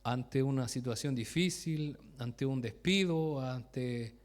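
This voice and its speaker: A man's voice: medium pitch, slow pace. A man giving a conversational sermon, often breaking off mid-sentence, asking his listeners direct questions and laughing at his own stories. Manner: asks the congregation direct questions. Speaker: preacher.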